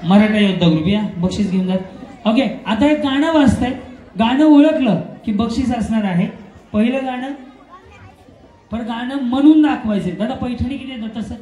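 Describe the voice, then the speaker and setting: A man hosting a quiz for women at a festival event, loud and teasing, scolding noisy people in the crowd through a stage mic. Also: extremely high pitch, normal speed. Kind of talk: live event emceeing over a PA. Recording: echoey PA with music and crowd.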